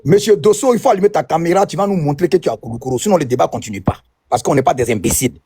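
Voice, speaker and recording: A man's voice: a little high, expressive, rapid-fire, heavy background noise. A man on a debate panel who accuses and mocks another caller, repeating his demands again and again. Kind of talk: heated debate.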